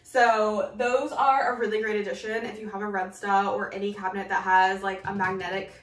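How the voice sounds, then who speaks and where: A woman's voice: mid-range voice, level tone, fairly quick. A young adult woman chatting casually to camera as a vlog host, recorded in an echoing bathroom. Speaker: vlogger, channel host. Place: small tiled bathroom, indoors. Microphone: camera a few feet away. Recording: echoey bathroom, distant mic.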